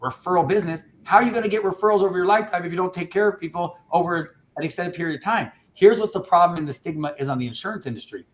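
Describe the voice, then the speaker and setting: A man's voice: high-pitched, very fast, hardly any pauses. A man hosting a casual panel talk, speaking with passion and emphasis and often cutting in.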